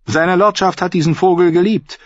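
Man doing a plaintive knight, high, dull lo-fi sound. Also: steady tone, normal speed, no echo.

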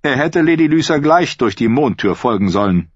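A man voicing a harsh, vengeful male knight in an audiobook, blunt and forceful. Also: mid-range voice, lively intonation, normal speed, slightly rough, no echo, highs cut off, pitched above the performer's own voice.

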